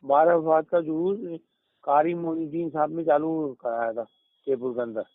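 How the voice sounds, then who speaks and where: A man's voice: fairly high pitch, steady tone, normal speed, no room sound. Middle-aged man telling a story over a tinny phone. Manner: rambling anecdotal storytelling with restarts. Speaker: caller. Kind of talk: phone conversation. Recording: tinny dry phone line.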